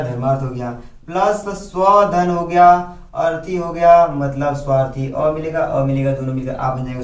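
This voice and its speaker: A man teaching a grammar lesson in a classroom style. He repeats each point and keeps asking his students questions, then answers them himself. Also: on the high side. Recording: echoey room, voice from a distance.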